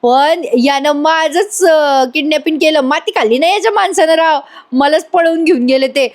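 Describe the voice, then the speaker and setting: A woman voicing a chatty, excitable young village woman who never stops talking. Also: sits high, moderate pace, pitched above the performer's own voice, close to an everyday voice. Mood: chattering. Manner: nonstop chatter.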